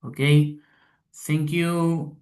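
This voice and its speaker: A man presenting a class talk, reading his slides aloud haltingly, with pauses and restarts. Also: on the high side, flat delivery, darkish tone. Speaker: student presenter.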